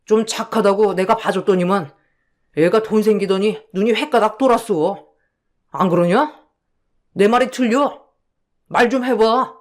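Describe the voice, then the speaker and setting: A man's voice: high-pitched, a little slow, long pauses. A brazen wheedling con man. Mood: indignant. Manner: wheedling and brazen, turns to abuse when caught. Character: smug scheming male con artist, old school friend. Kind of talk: radio drama acting.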